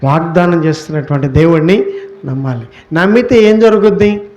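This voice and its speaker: Male pastor, fairly high voice, sermon delivery; poses questions then answers, stretches key words slowly. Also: a little mellow, muffled recording. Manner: rhetorical questions answered by himself.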